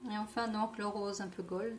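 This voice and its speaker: A woman's voice: mid-range voice, fairly even intonation, normal speed, a little hiss or hum. A French-speaking woman reviewing organic makeup in a casual vlog, often stumbling over product names and correcting herself. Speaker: beauty vlogger.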